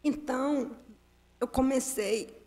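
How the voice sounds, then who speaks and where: A woman giving nervous, halting testimony as an invited guest at a council committee meeting, with many fillers and restarts. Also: sits high, dark tone. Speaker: invited guest making complaints. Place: council chamber.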